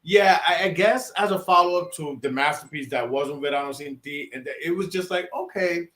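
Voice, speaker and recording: A man co-hosting a podcast in casual chat, excitable and rambling, with lots of restarts and fillers. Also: on the high side, a little fast, roomy sound. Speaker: podcast co-host.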